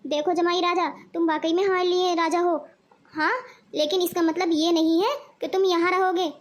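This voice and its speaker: A woman's voice: extremely high pitch, flat delivery, moderate pace. A woman voicing a scolding, preachy middle-aged mother in a cartoon. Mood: lecturing. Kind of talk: cartoon voice acting.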